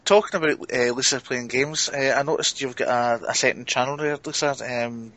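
Bright, forceful man asking questions. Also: mid-range voice, fairly even intonation. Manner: halting, informal questioning. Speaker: interviewer, host. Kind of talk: casual interview chat.

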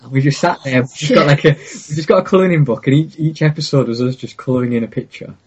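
Male, Teesside accent, husky voice, casual hesitant chat, slightly dull lo-fi recording. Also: mid-range voice, fast, darkish tone. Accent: north-east English, Teesside. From north-east England, Teesside area. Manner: rambling, hesitant, often breaking off mid-sentence. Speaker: gaming video creator, interview guest.

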